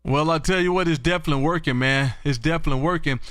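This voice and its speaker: A man's voice: on the high side, very fast, background noise. A man from Texas hosting a livestream as an amateur radio operator, chatting in a folksy, exclamatory way and repeating his phrases. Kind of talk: animated on-air ham radio chat.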